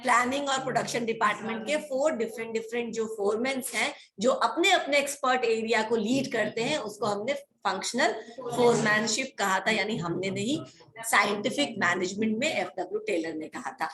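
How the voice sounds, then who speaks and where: A woman's voice: on the high side, moderate pace, fairly bright tone. A woman college teacher giving an online class lecture, explaining firmly and checking in with her students again and again.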